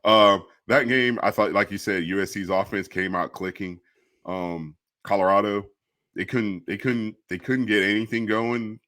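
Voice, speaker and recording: A man's voice: fairly low pitch, normal speed, sharp tone, no room sound, studio quality. A man co-hosting a casual college football talk show, giving blunt, opinionated takes. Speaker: co-host.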